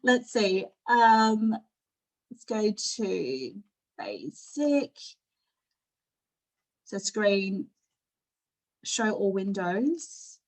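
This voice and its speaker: Speaking very slowly and pausing often, this middle-aged Australian panelist at an online forum has a medium-pitched, animated voice. She presents candidly and conversationally about herself over a video call, and the recording is rough.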